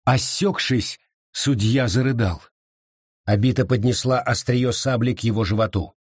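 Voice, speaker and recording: A man narrating an audiobook in an expressive, dramatic style with a husky voice. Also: medium pitch, moderate pace, dry recording, studio quality. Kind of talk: scripted narration.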